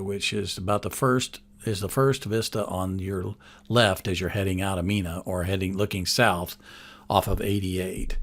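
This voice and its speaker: A man's voice: lowish voice, a bit bright, no room sound. A man narrating a hiking vlog in an easygoing, rambling way, slightly congested and out of breath, recorded outdoors on an action camera. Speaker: vlogger. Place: outdoors on a mountain trail.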